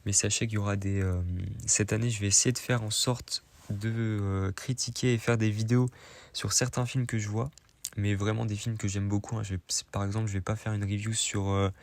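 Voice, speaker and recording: A man's voice: on the low side, level tone, brisk. A man reviewing his favourite films of the year in a casual monologue, hesitant and full of fillers and restarts. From Iranian heritage. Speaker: film vlogger.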